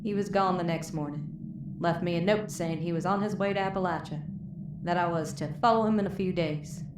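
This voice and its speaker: A woman with a low voice and Southern US drawl plays a bitter moonshiner in a wasteland, wounded and worn out, recounting her story in first person. Her folksy, profane audio drama delivery is fairly quick, wry and weary, close to her everyday voice. The recording is roomy and echoing, with clear background noise.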